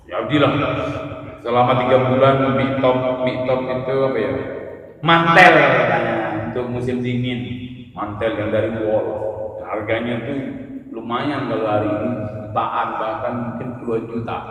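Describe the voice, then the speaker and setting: A man preaching a sermon, telling a story dramatically and moving from soft speech to loud shouted prayer. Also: mid-range voice. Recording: echoey hall, voice from far off.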